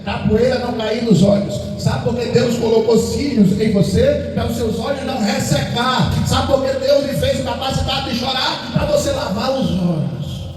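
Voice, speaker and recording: A man's voice: very high voice, moderate pace, a little mellow, faint music behind. A man, preaching a sermon as pastor, emphatic and full of repeated rhetorical questions. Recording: echoey hall, distant mic, faint noise.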